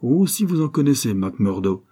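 Man doing sharp confident detective, brisk and sure of himself, husky kinda dark voice. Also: lowish voice. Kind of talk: audiobook character voice.

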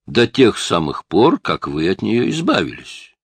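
A man with a low, gravelly voice playing a patient police detective who questions a suspect steadily. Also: wildly swooping pitch, unhurried, no echo, heavily acted.

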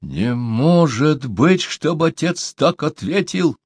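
A man's voice: fairly high pitch, expressive, slow pace, slightly rough, no echo, clean studio sound, pitched above the performer's own voice, full character voice. A man voicing an earnest, superstitious young man who questions and doubts. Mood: doubtful.

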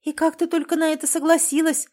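A woman voicing an emotional young sister, pitched high. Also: brisk, darkish tone, natural voice. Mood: earnest. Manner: emotional, exclaiming. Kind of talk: audiobook character voice.

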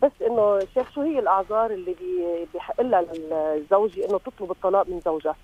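Fast-talking woman on the phone. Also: medium pitch. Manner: courteous, eager. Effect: heard over the phone line. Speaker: caller. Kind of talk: call-in question to a religious scholar. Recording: thin phone-line audio.

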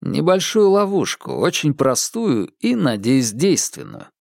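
A man's voice: fairly high pitch, huge pitch swings, unhurried, gravelly, darkish tone, no echo, pitched above the performer's own voice, full character voice. A man playing a dry, teasing detective. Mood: wry. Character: calm, ironic young male detective.

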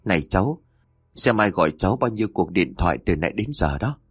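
A man voicing a middle-aged relative who speaks briskly and plainly. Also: low voice, expressive, husky, no room sound, clean studio sound, faint music behind.

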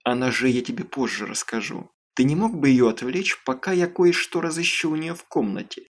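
A man reading aloud voices an anxious teenage girl, speaking in a hurried, hushed way. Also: medium pitch, lively intonation. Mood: urgent.

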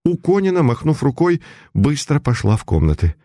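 Male storyteller, expressive reading; warm, dark tone, dry close sound. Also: medium pitch, normal speed, no room sound. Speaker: audiobook reader. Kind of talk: scripted narration.

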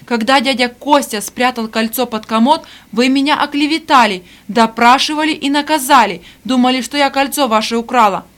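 A woman's voice: high-pitched, moderate pace, hardly any pauses, a bit bright. A woman reading an audiobook voices a mistreated young servant girl who answers back indignantly. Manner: indignant, defiant, pleading. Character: mistreated teenage servant girl, defiant and hurt.

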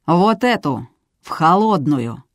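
A woman's voice: low voice, sing-song, no echo, studio quality, full character voice. A woman voicing a boorish older duty officer. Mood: yelling. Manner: boorish, shouting, slow drawl. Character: gruff rude older male police duty officer.

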